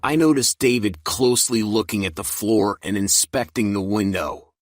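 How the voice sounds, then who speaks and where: Low-voiced man reading a story slowly. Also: no echo. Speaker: English teacher reading a graded story. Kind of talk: slow storybook narration for learners.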